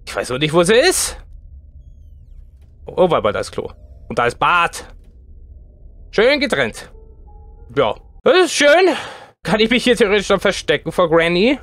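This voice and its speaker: Excitable high-voiced male gamer. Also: measured pace, long pauses, no room sound. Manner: excitable, chatty, talks to the game characters. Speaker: let's play host. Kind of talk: horror game commentary.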